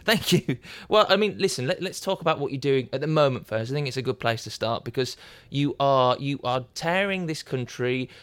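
A man's voice: mid-range voice, lively intonation, a little fast, hardly any pauses, fairly bright tone, smooth, dry recording. A British man hosting a comedy podcast, chatting and interviewing in a jokey, teasing way. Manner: jokey, teasing, laughs readily. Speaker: podcast host. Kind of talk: comic interview chat.

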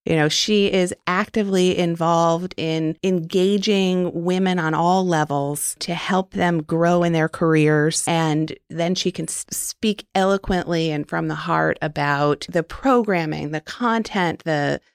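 Earnest woman guest; low-set, resonant voice with some fry; warm enthusiasm, casual fillers. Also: fairly even intonation, a little slow, few pauses, no echo, studio quality. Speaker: interview guest. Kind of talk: conversational interview answers.

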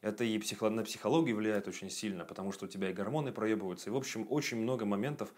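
Guy in his late 20s vlogging, kinda low voice, swears a lot, lots of um's. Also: racing, darkish tone. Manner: blunt and profane, with frequent fillers. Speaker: video blogger. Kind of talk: casual self-improvement monologue.

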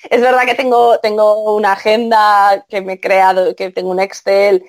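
A woman's voice: medium pitch, normal speed. A woman from Spain with a Spanish accent, chatting as a guest translator and acting out the dialogue she quotes. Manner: animated, acts out quoted dialogue. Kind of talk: casual podcast chat.

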